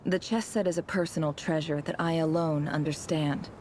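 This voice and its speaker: Nefer, imperious scheming boss voiced by an actress. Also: female voice, low-pitched, fairly even intonation, a little mellow, a little hiss or hum, lightly acted. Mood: cryptic, assured. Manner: haughty, deliberate, eloquent, teasing. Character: shrewd, imperious female boss and chess-set schemer, theatrically teasing. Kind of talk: video game voice acting. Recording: music behind the voice.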